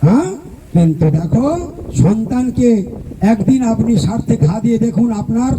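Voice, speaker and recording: A man's voice: very high-pitched, moderate pace. A male preacher giving a devotional sermon at a home gathering, asking the audience rhetorical questions and leading call-and-response. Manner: mimics relatives in quoted speech. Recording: faint background noise and clicks.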